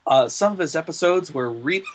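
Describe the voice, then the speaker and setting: A man's voice: fairly high pitch, animated, normal speed, a little hiss or hum. A man co-hosting a casual fan podcast, steering the talk in a rambling way with fillers and restarts, while he has the hiccups. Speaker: podcast co-host leading the discussion.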